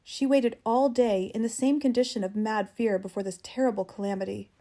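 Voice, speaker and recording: Mellow American woman narrating an audiobook. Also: on the high side, fairly even intonation, fairly quick. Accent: standard American. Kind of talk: scripted literary narration, audiobook.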